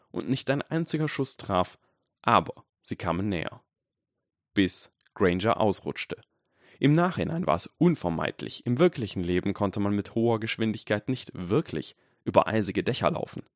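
Male audiobook narrator, low voice, very animated, dry close recording. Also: moderate pace, no echo. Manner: expressive, dramatic storytelling. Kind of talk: scripted narration.

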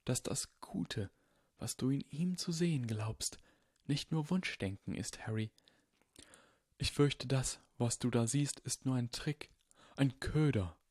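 A man voicing an eccentric, kindly old wizard headmaster, speaking softly and unhurriedly. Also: medium pitch, breathy edge, no room sound, studio quality, voice pushed up. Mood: gentle. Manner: soft, unhurried and gently whimsical. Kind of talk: audiobook character voice.

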